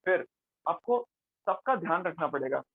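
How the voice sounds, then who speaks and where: Man, workshop facilitator, fairly high voice, dry phone-like sound. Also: lively intonation, normal speed, breathy edge, dry recording. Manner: mixes Hindi and English, explains with rhetorical questions. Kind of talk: conversational workshop talk.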